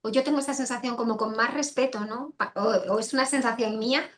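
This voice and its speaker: Speaking fast in a fairly high pitch, this woman author answers interview questions on a video call. Her replies are casual and rambling, full of self-corrections and repeated phrases.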